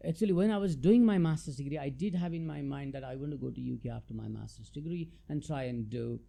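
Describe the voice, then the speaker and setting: Fast-talking and fairly high-pitched, this middle-aged Nepali man has a gravelly yet mellow voice. As a guest chartered tax adviser, he answers interview questions thoughtfully, hesitating and using many fillers.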